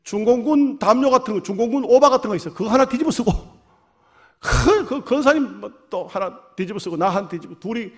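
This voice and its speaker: A man preaching a revival sermon. He tells lively stories and acts out voices, swinging from shouts to near whispers, and has a slight cold. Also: very high voice, brisk. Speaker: pastor. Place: church.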